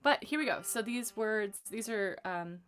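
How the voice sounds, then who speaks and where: Woman vocal coach running a live warm-up, mid-pitched and easygoing, with a lot of ums and gentle encouragement. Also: animated, a little slow, smooth, soft background music. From Los Angeles, USA. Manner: chatty and encouraging, many ums. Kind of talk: livestream vocal warm-up lesson.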